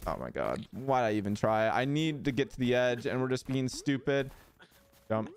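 A man's voice: mid-range voice, expressive, normal speed. A man streaming a co-op game, counting down and swearing in frustration as he plays. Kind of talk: casual gaming chat.

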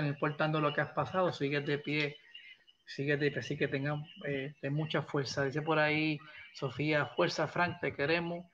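A man's voice: fairly high pitch, a bit bright, a little hiss or hum. A man hosting a live drawing stream, affectionate and encouraging, reading chat messages aloud, with dull lo-fi audio. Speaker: host of a live drawing show.

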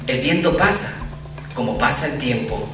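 A man's voice: medium pitch, lively intonation, recorded from a distance, background noise. Guatemalan man reciting poetry in a hall. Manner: earnest, tender recital with pauses. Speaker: poet. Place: large hall at a lectern. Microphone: lectern mic, recorded from a distant camera. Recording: echoey hall, voice heard from afar, faint music.

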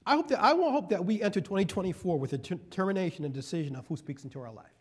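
A man's voice: high voice, lively intonation, rapid-fire, breathy edge. A male guest preacher giving a sermon, reading scripture verses and then explaining them in folksy asides. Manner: repeats key phrases for emphasis.

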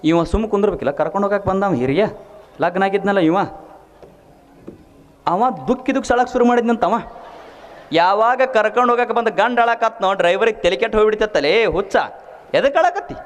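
Man, preacher, north karnataka kannada accent, high voice, funny story sermon, asks the crowd if they follow. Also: a little fast, long pauses. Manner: keeps asking the audience if they follow.

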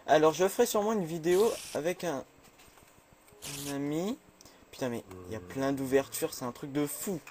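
A man chatting through a game, nervous and quick to say he is scared. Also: a little high, darkish tone, slight background noise. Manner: jumpy, chatty, easily scared. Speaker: gamer. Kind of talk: casual let's play commentary.

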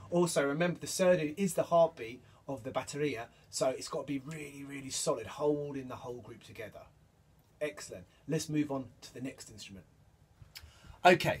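Brief: male percussion teacher, mid-pitched voice, counts and vocalizes rhythms, loud drumming behind. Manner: counts beats and sings rhythms aloud while demonstrating. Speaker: music teacher. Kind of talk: instrument demonstration lesson.

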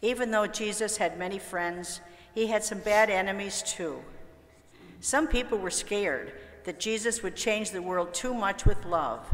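A woman reading a Bible story for children in a clear, gentle storytelling manner in a church. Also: mid-range voice. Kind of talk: scripted story narration. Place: church sanctuary. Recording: echoey church with long reverb.

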